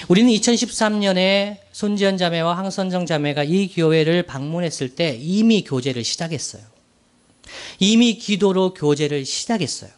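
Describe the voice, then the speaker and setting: High-voiced earnest male pastor preaching. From Daegu, South Korea. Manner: earnest, slow emphatic phrasing with rhetorical questions to the congregation. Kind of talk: sermon.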